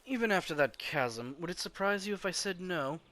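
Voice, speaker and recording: A man's voice: high-pitched, lively intonation, fairly quick, pushed and bright, no echo. A man voicing a standoffish young prince in a posh rich-boy manner. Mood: aloof.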